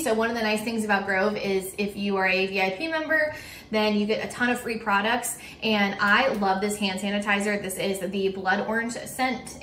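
Young female home vlogger, casual and chatty, mid pitch, roomy sound. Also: fairly bright tone, recorded from a distance, slight background noise. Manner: chatty, with frequent "um" and "like". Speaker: cleaning vlogger and teacher. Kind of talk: casual chat to camera. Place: kitchen table at home, indoors.

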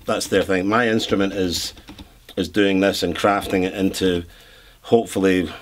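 Middle-aged male producer, low voice, chatty, loose and rambling. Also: little pitch movement, moderate pace, a little hiss or hum. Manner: rambling, many restarts and fillers. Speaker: producer and songwriter. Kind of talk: relaxed interview chat.

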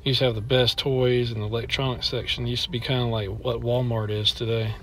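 A middle-aged man vlogs a walking tour of an indoor shopping mall, filming on a handheld phone and complaining bluntly. His medium-pitched, fairly bright voice barely moves in pitch and runs a little fast, over a little hiss or hum.

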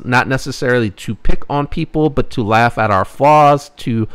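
A middle-aged American man giving earnest, reflective casual commentary as a channel host, with frequent ums and restarts. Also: medium pitch. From United States. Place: indoors at a table with knives laid out.

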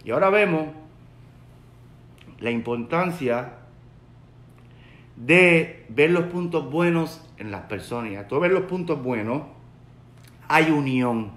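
Speaking slowly with long pauses, the rabbi's voice is a little high, animated and a bit bright, carrying a Puerto Rican Spanish accent. He's a man in his forties from Puerto Rico, earnestly delivering a Torah lesson to a webcam in his book-filled home study and restating key points. There's a roomy echo on the recording.

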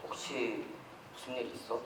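A teenage boy in a school play, acting a soft-spoken, caring boy who teaches sign language with patience. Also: mid-range voice, little pitch movement, moderate pace, close to an everyday voice. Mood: tender. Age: teens. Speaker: student actor in a school play. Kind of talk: amateur stage acting. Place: school stage. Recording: echoey hall, mic far from stage, loud noise.

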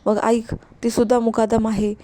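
A woman reading the lines of a calm, blunt young brother-in-law. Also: on the high side, moderate pace, dry recording, close to an everyday voice. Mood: matter-of-fact.

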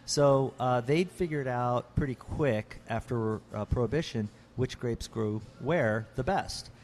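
A man's voice: mid-range voice, measured pace, darkish tone, slight background noise. A middle-aged man, a winemaker explaining his trade in an earnest, casual way with frequent restarts. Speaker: Texas winemaker guest. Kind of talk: casual interview talk.

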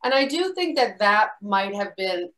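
A woman filmmaker answering audience questions in a relaxed way. She talks haltingly, with many restarts and a lot of "you know.". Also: mid-range voice, low-quality recording. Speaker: filmmaker guest speaker. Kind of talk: casual Q&A talk. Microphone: video call.

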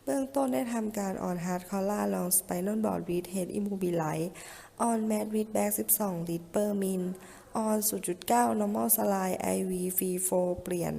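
A woman's voice: medium pitch, slow, vocal fry, warm tone, long reverb tail. A woman on an ambulance crew reporting over a walkie-talkie in a training drill, using clipped radio call-signs and codes and reading out vital signs steadily.

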